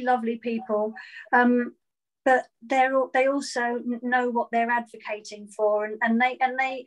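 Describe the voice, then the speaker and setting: Woman, 40s, earnest, fairly high voice, repeats words when starting, video call. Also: poor audio. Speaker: virtual school head teacher. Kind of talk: online interview answers. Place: indoor room at home.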